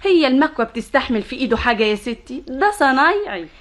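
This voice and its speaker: A woman's voice: high voice, big pitch swings, fast talker, a bit bright. An actress playing a cheeky, lovestruck young maid with an Egyptian accent, teasing and pestering her mistress in a comic film scene. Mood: wheedling. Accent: Egyptian Arabic.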